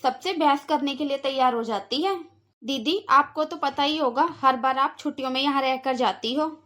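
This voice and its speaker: A woman's voice: high voice, moderate pace. A woman playing a scolding, stingy aunt. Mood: lecturing. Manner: lecturing, sharp-tongued. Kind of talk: cartoon voice acting.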